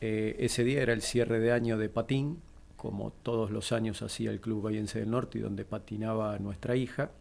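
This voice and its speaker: A middle-aged man with an Argentine accent, a guest in an interview, calmly recounting a personal tragedy. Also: on the low side, gravelly. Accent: Argentine Spanish. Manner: measured, steady, composed.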